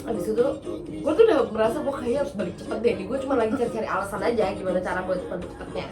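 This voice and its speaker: A woman, casually telling a story on a podcast, animated and acting out the quotes. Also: mid-range voice, very fast, far from the mic. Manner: animated, acts out quotes, laughs often. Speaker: podcast host. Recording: roomy, off-mic, music behind.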